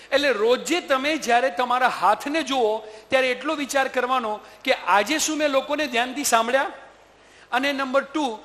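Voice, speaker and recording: A man's voice: very high-pitched, bright, forceful tone. A man who is a motivational trainer, giving a speech to students and asking the audience again and again whether they agree. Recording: reverberant hall.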